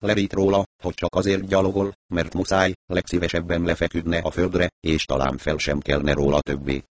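A man narrating a novel as an audiobook reader, in a calm, steady storytelling manner. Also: deep voice, dry recording. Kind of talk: scripted narration.

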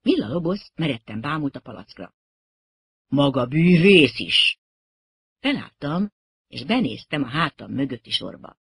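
A narrator reading a humorous first-person story aloud in a wry, expressive way, with a husky voice. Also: mid-range voice, dry recording. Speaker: audiobook narrator.

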